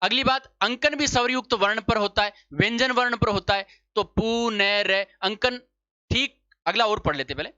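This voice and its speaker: Bright-voiced male grammar teacher. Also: extremely high pitch, lively intonation, a little fast, few pauses, dry recording. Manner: asks questions and answers them himself, checks understanding; repeats key phrases, drills a point. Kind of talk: exam-prep spelling lesson. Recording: dull lo-fi sound.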